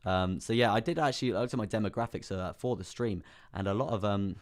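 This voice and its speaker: A young English man with a hoarse, partly lost voice, hosting a casual crypto live stream, chatting about charts and greeting viewers by name. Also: fairly low pitch, fast. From England. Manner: chatty, reads out viewer names and laughs often.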